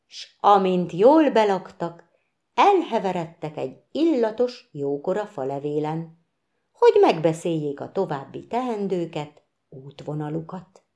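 Expressive woman reading a children's story. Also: fairly low pitch, lo-fi sound. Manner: expressive, gentle, animated.

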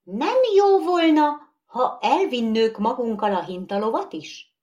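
A woman's voice: fairly high pitch, expressive, a little mellow, voice pushed up, natural voice. A woman voicing a nervous, vain porcelain doll in a storybook reading, prim and easily indignant. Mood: eager.

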